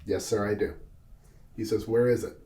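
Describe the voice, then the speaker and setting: A panel guest at a business event tells a personal story earnestly and vividly, acting out each voice in the conversation. His voice is lowish and warm, with a flat delivery at a moderate pace, and he sits far from the mic, giving a roomy, off-mic sound.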